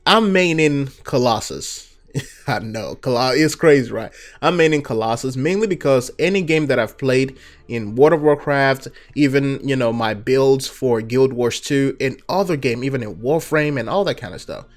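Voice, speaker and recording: Hosting a relaxed viewer Q&A for his gaming channel, a young Nigerian man speaks with a Nigerian accent at a moderate pace. His pitch is middling, and he keeps things loose, slipping in fillers and "you know" along the way.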